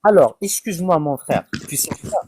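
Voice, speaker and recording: A man who is a guest in a live online debate, talking in a defensive, halting way. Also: fairly high pitch, expressive, darkish tone, a little hiss or hum.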